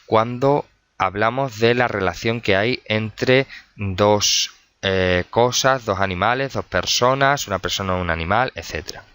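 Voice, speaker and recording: A man with a Spanish accent explains a grammar point in a recorded lesson, pausing often and filling gaps with "eh" and "mm" as he works through examples. His voice sits low but sounds bright and sharp. The recording is dry and close, with almost no room sound. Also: clear, resonant tone, no room sound. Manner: explains slowly with many fillers and examples. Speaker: teacher.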